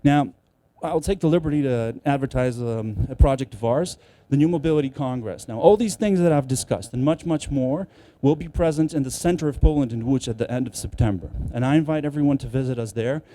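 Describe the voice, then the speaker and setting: Very dark-voiced man giving a speech. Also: mid-range voice, brisk. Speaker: conference speaker. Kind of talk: conference speech, promotional.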